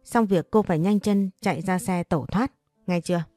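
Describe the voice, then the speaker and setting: A woman's voice: lowish voice, a little fast, dark tone, dry recording, soft background music, close to an everyday voice. A woman voicing a vengeful young mistress of the house who gives firm, cold orders in an audio story. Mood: commanding.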